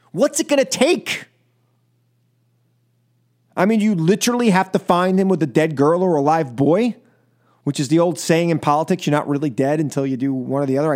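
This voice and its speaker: In a radio studio, an American talk radio host launches into a fiery political monologue, emphatic and exasperated, repeating phrases to drive his points home. His voice is fairly high for a man, with a darkish tone.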